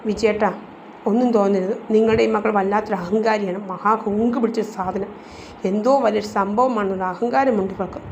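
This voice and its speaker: A woman's voice: medium pitch, fairly even intonation, fairly quick, dull audio, slight background noise, lightly acted. A woman voicing a blunt, irritated young man who speaks cuttingly, in a storybook reading. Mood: contemptuous.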